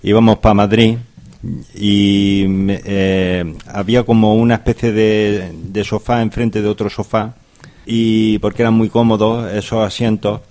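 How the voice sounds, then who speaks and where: Low-voiced man telling a joke. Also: flat delivery, a little slow, a little mellow. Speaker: guest. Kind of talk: casual storytelling.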